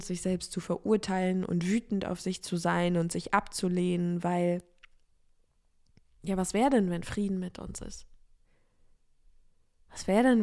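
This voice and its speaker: A woman's voice: lowish voice, gravelly, darkish tone. A woman in her thirties hosting a self-help podcast, talking reflectively and speaking straight to the listener. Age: 30s. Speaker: podcast host.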